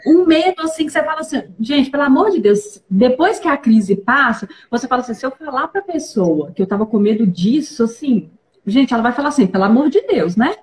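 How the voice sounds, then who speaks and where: A woman's voice: high-pitched, fairly quick. A woman telling her own story in a casual chat, acting out the dialogue as she goes and using lots of fillers. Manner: animated storyteller, acts out quoted dialogue with many fillers. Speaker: guest sharing a personal testimony. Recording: echoey room.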